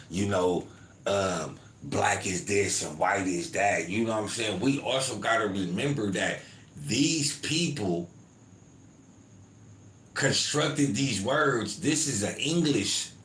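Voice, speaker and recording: A man hosting a podcast in a loose, conversational way, often checking in with "you feel me" and "man". His voice sits on the low side. The room around him sounds roomy, with a faint hum of ambience underneath. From United States. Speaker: podcast host. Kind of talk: casual podcast commentary, reading chat comments.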